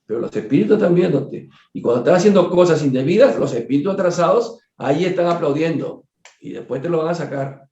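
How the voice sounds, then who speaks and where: Animated man in an echoey room. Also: a little high, fast. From Peru. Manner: animated, repeats words, jokes and acts out dialogue. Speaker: spiritist study leader. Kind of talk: study group talk. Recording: echoey room, dull lo-fi sound.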